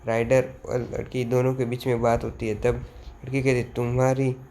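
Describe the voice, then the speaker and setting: A man casually retelling a manga story in a halting way, correcting himself as he goes. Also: medium pitch, creaky, slight background noise. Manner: flat, halting retelling with fillers and self-corrections. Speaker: manga explainer.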